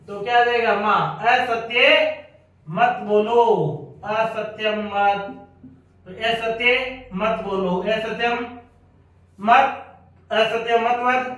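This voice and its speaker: A Sanskrit teacher with a Rajasthani Hindi accent, slowly drilling students through word meanings with repeated rhetorical questions. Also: male voice, very high-pitched, pushed and bright. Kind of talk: classroom grammar lesson. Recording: echoey room, voice from far off.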